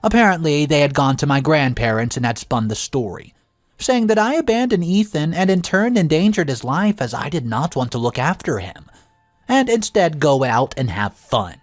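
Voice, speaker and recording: A narrator tells a scripted first-person story at a normal speed and medium pitch, the intonation rising and falling very vividly. The recording is very dry with no room sound, and music plays behind the voice.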